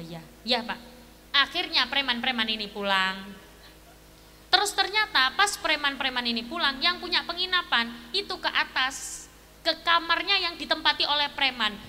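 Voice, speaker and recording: Brief: lively woman preacher, very high and piercing, echoey hall with faint crowd hum. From East Java. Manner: lively, asks the audience questions. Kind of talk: storytelling sermon. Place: live religious gathering. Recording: echoey live event with faint ambience.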